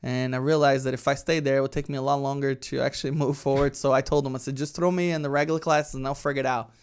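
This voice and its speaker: Smooth and mid-pitched, this Brazilian man in his thirties talks quickly with little variation in pitch. He's a guest on an interview, leads a real estate team, and has a Brazilian Portuguese accent. In a relaxed, chatty way, he habitually tags his statements with "right?".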